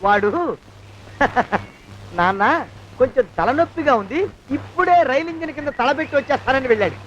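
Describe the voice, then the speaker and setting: A wailing comic servant. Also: male voice, very high-pitched, lively intonation, fairly bright tone, slight background noise. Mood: mocking. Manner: wailing, fast comic banter. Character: bumbling cowardly comic servant, middle-aged man. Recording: dull film soundtrack.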